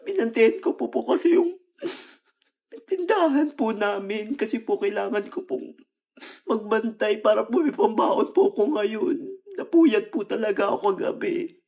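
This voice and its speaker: A woman's voice: a little high, lively intonation, measured pace, gravelly, mellow. A woman with a Filipino accent acting out a comedy skit, whiny and pleading. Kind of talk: comedy skit role-play.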